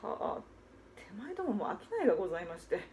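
A woman as a humble, soft-spoken male street vendor, lower and hushed, rakugo piece. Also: very animated, quick pace, a little hiss or hum. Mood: meek. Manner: meek, deferential, quiet. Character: timid polite male street dango seller. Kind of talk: rakugo storytelling.

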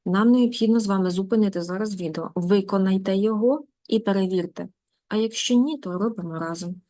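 A woman's voice: mid-range voice, fairly quick, dark tone. Middle-aged lady teacher, drills short phrases one by one, explains each, medium voice. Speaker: English teacher. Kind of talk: online lesson explanation.

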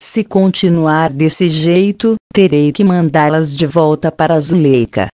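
A woman's voice: low voice, measured pace, warm tone, dry recording, studio quality. A woman reading an audiobook, voicing a middle-aged aunt who exclaims in exasperation. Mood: exasperated.

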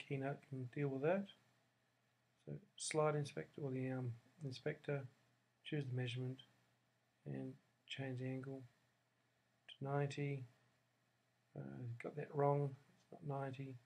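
A man talking through a software screen recording step by step, thinking aloud as he goes, recorded at his desk. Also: medium pitch, vocal fry. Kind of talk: screencast tutorial narration.

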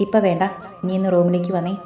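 Lady doing a gentle young husband, low soft voice, mellow, roomy echo. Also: steady tone, a little fast, natural voice. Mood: tender. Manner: gentle, lowered voice. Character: young husband, tender and eager. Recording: echoey room, faint music.

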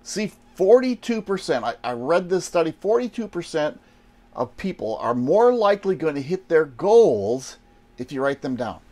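A man's voice: on the high side, big pitch swings, normal speed, a little mellow. A man, giving a folksy motivational talk to camera inside a small RV trailer. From Wisconsin, United States. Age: 60s. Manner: folksy, asks and answers rhetorical questions. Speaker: online business coach.

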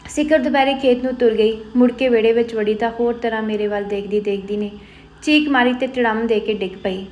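A woman voicing a stubborn older village aunt who is in pain, speaking in a strained, husky voice. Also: a little high, steady tone, brisk, darkish tone, lightly acted.

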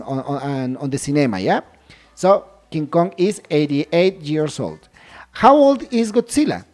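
Low, mellow-voiced woman teaching English. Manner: repeats English phrases slowly and deliberately; addresses viewers as a group, checks understanding often. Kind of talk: screen-share language lesson.

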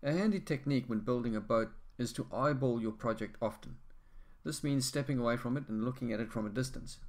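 A man giving a measured, practical voice-over about building a boat at home. He sits in an ordinary mid-range pitch and explains each step plainly. The tone stays even and instructional throughout. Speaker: amateur boatbuilder.

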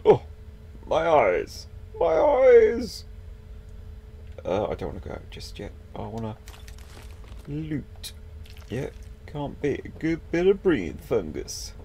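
Young guy doing let's-play chat, slow and gravelly, mild swearing. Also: mid-range voice, very animated, mellow. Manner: chatty, swears mildly, talks to game characters. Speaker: gaming video host. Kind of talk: casual let's-play commentary.

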